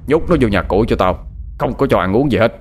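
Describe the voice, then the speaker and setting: A man's voice: fairly low pitch, lively intonation, brisk, soft background music, natural voice. A man voicing an arrogant, cruel rich village elder who gloats and barks orders with scorn. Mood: gloating.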